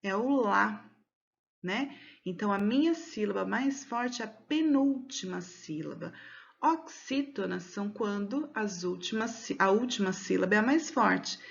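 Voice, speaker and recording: A Brazilian woman teaching a recorded lesson for children, explaining patiently step by step and slowly stretching out words to mark the stressed syllable. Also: medium pitch, expressive, gravelly, dull audio. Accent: Brazilian Portuguese. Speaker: schoolteacher.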